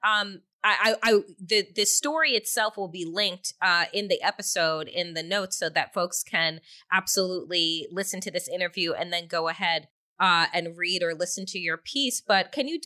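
An earnest woman hosts a podcast in a bright, forceful voice. She often restarts herself with fillers and repeated words. The recording is dry and close. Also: medium pitch, no echo. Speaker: podcast host. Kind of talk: casual podcast talk and interview intro.

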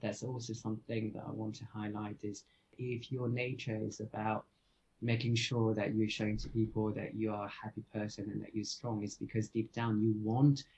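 A man's voice: lowish voice, little pitch movement, normal speed, darkish tone, a little hiss or hum, poor audio. A man from France, a podcast guest, speaking earnestly and reflectively in casual chat.

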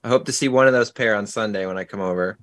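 A man co-hosting a podcast in casual banter, easygoing and quick to laugh. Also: lowish voice, a bit bright, dry recording, clean studio sound. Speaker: podcast co-host.

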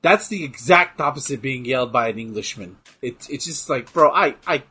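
A young co-host jokes around and chats casually while playing a game, often swearing and laughing. His medium-pitched voice is pushed and bright with a breathy edge, lively intonation, and a moderate pace.

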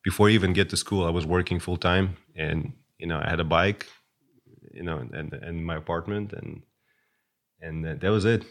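A man's voice: sits low, moderate pace. A man, a guest chatting casually and hesitantly, with many fillers and restarts. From Russia. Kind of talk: casual interview chat.

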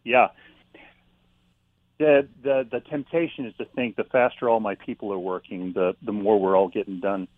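A man, an author and guest, speaking in a calm, reflective, unhurried way about faith and slowing down. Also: lowish voice, no echo, phone-quality sound.

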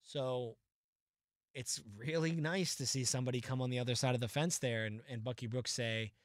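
A man in a casual sports podcast chat, talking with animated, opinionated energy. His pitch sits in an ordinary middle range. The sound is close and dry, with no room around it. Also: no echo. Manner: animated, opinionated, quick asides and mock quotes. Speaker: podcast co-host.

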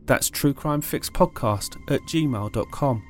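A man's voice: medium pitch, measured pace, faint music behind. Earnest male podcast host. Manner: earnest, pleading sign-off. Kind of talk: scripted podcast narration.

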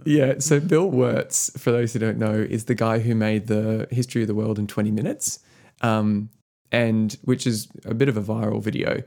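Gravelly low-voiced man chatting about music. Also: fairly even intonation, moderate pace, warm tone. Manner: rambling, filler-heavy, enthusiastic about music. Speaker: podcast co-host. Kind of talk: casual music chat.

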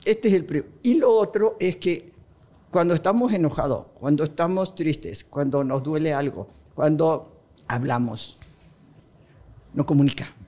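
A woman's voice: on the low side, warm tone. A woman guest explaining relationship communication in a casual conversation, often asking rhetorical questions.

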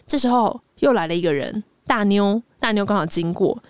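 A woman's voice: medium pitch, expressive, brisk, dry recording. A woman podcast co-host with a Taiwanese Mandarin accent, casually retelling a drama plot and acting out the characters' lines. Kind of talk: casual storytelling chat.

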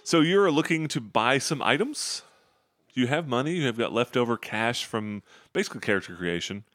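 A man's voice: mid-range voice, animated, moderate pace, fairly bright tone, no room sound, studio quality. A man as game master, narrating a tabletop game in a rambling, self-correcting way.

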